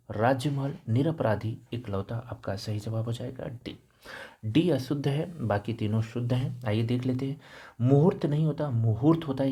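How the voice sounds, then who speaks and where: A man's voice: medium pitch, warm tone, husky. A man teaching Hindi, going through test questions and carefully spelling out the correct forms of words. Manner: methodical, repeats and spells out each word. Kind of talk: explaining test answers.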